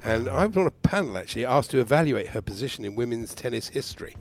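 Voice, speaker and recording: A man's voice: mid-range voice, expressive, fast, faint music behind. A man setting questions on a radio game, delivering jokey patter with puns. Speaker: quiz setter and joke teller on a radio show.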